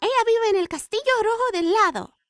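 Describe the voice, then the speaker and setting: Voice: very high voice, expressive, a little fast, fairly bright tone, faint music behind. An actor voicing a curious, eager little boy in a children's cartoon dub, with simple, earnest childlike phrasing. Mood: excited.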